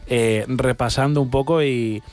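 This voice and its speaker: A man's voice: mid-range voice, steady tone, a little slow, darkish tone, soft background music. A man hosting a radio segment in a studio, playful, steering the talk with prompting questions. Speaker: radio host.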